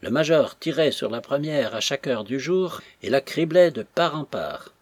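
Husky man reading a novel aloud. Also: medium pitch, no room sound. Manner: steady, measured literary reading. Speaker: audiobook reader. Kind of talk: scripted narration of a classic novel.

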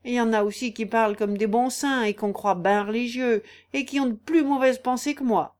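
A woman's voice: a little high, fairly even intonation, moderate pace, a little mellow, close to an everyday voice. A woman reading aloud, voicing a spiteful old peasant shrew with a sly, accusing manner.

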